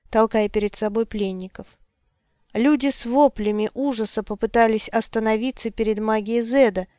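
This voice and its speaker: Woman audiobook narrator, measured and dramatic; fairly high, smooth voice. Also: dark tone, no room sound, studio quality.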